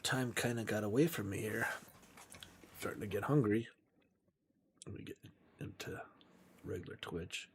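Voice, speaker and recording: A man's voice: fairly low pitch, normal speed, long pauses, noisy background. A man hosting a casual live game stream, muttering to himself as he plays and laughing easily with a friend. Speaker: livestream host. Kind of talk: casual gameplay chat.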